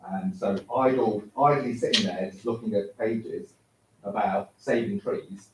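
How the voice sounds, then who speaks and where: Lower-voiced man, distant echoey hall. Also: measured pace. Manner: chatty, jokey, with fillers. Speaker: event speaker. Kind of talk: casual conference talk. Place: university studio hall. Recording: echoey hall from far off, noisy.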